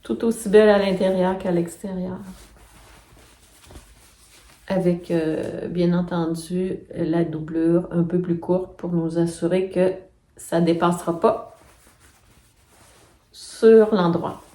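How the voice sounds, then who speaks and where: A woman's voice: on the low side, steady tone, takes it slowly, mellow. A middle-aged woman with a Quebec French accent chats through her sewing projects, step by step, with plenty of fillers. She is recorded on a phone set back from her. The room is echoey, so her voice sounds roomy and a little distant. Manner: chatty, explains step by step with many fillers. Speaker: knitting and sewing vlogger. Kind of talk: casual show-and-tell chat. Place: home, filmed on a phone. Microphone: phone camera set back from her.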